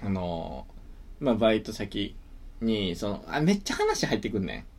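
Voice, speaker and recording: A man's voice: on the low side, very animated, normal speed, background noise. Young Kansai man telling a rambling story. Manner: storytelling with hesitant fillers. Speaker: comedian co-host. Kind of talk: casual chat.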